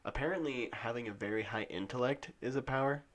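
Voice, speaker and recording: A man's voice: mid-range voice, quick pace. A young man co-hosting a casual podcast chat, rambling and filling his speech with "like", his nose stuffed up from a cold. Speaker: podcast co-host.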